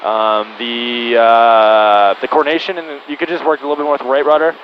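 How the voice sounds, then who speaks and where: A man's voice: medium pitch, level tone, a little fast. A man coaching casually as a flight instructor in a small airplane, encouraging and reassuring. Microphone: aviation headset intercom. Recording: muffled cockpit intercom, loud engine noise.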